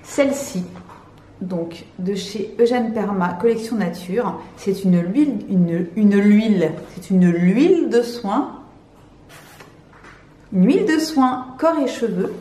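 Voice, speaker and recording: A woman vlogger chatting casually and excitably as she unboxes beauty products, with many fillers, recorded at home. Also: medium pitch, takes it slowly, roomy sound. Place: room at home, cats nearby.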